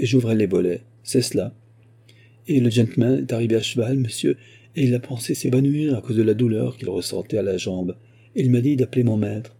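A man doing a scared young servant girl in an audiobook, pleading, voice pushed up high, husky. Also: dark tone.

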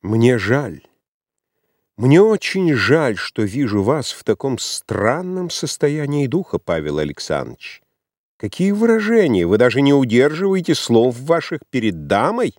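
A calculating matron, as a male narrator puts her on, coos with false gentleness and sorrow. Her speech rises and falls in lively swings, recorded dry and close. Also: medium pitch, unhurried, no echo. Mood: coaxing. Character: scheming, smooth-talking provincial matron.

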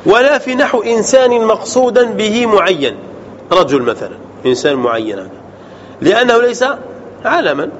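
A man leads a grammar class as a sheikh, pitched fairly high for a man. He keeps stopping to throw quick questions at his students and check that they follow. The recording is muffled and lo-fi, with a faint hiss underneath. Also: big pitch swings. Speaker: sheikh teaching Arabic grammar. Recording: dull lo-fi sound with faint noise.

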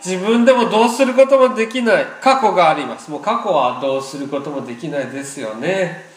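A man's voice: sits high, expressive, fairly quick. A man preaching a sermon as pastor, earnest and emphatic, repeating phrases for weight. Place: church hall. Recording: roomy echo.

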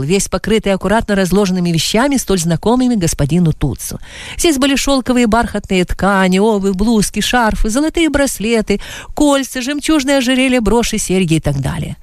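Expressive female audiobook narrator; lively intonation, dry close sound. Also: on the high side, brisk, dry recording. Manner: expressive storytelling. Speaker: audiobook reader.

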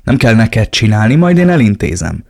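A man's voice: on the low side, very animated, vocal fry. A man voicing a ruthless, mocking cartel henchman in an audiobook. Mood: angry. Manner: mocking, shouting. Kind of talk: audiobook reading.

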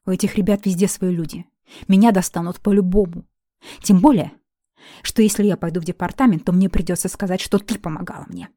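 A frantic male elf teacher, voiced by a woman reading the story, pleads and tips into hysteria. The tone stays dark and mellow. The sound is close and dry. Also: lowish voice, steady tone, brisk, no echo. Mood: pleading. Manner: agitated, pleading, breaking into hysteria.

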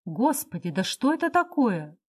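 A woman's voice: on the high side, big pitch swings, normal speed, slightly rough, pitched above the performer's own voice. Woman reading, doing a flustered hostess, pleading and indignant, storybook. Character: kind-hearted woman hostess, flustered, reproachful.

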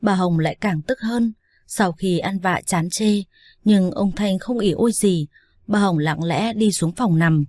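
A woman narrating a web novel as a scripted audiobook in a steady, even way. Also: mid-range voice, a little slow, no echo, studio quality.

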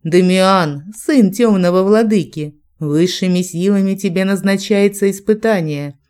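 A solemn, formal angel judge, read by a woman in a mellow, warm voice. The delivery is measured and ceremonial, as in a storybook reading. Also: mid-range voice, natural voice. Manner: formal, pronouncing a verdict.

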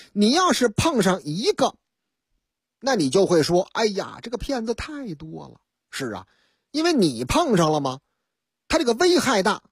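Beijing lady radio host telling stories, very husky voice, bouncy and lively, dry close mic. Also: mid-range voice, dry recording. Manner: lively, chatty, addresses listeners directly. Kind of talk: radio storytelling.

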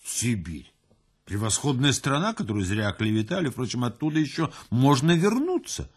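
A man's voice: mid-range voice, very animated, moderate pace, husky. A man putting on a gloomy police chief. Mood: solemn. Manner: solemn, sighing. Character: mournful male police chief, grimly sympathetic.

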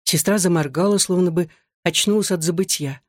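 Brief: measured first-person narrator, steady middle pitch, audiobook, dry close recording. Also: no echo. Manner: measured, phrase-by-phrase reading.

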